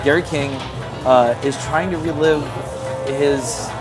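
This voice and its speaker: A man's voice: fairly high pitch, steady tone, takes it slowly, rough recording. A man rambling through a casual film summary in a rowdy, drunken party-animal way, swearing as he goes. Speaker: presenter of a drunk interview show. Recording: music playing behind the voice. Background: music.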